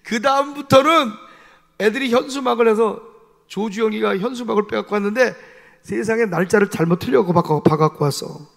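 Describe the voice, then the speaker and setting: A male pastor preaching a sermon, telling a personal story in an animated, emphatic way with lots of repeated fillers. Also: high-pitched, fairly quick, creaky, in a large hall. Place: church sanctuary.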